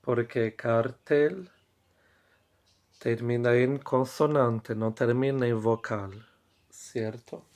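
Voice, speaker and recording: Very slow, deliberate male teacher. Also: mid-range voice, fairly even intonation, darkish tone. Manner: slow and deliberate, repeats each word, checks with "¿cierto?". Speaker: Spanish teacher. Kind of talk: slow classroom explanation.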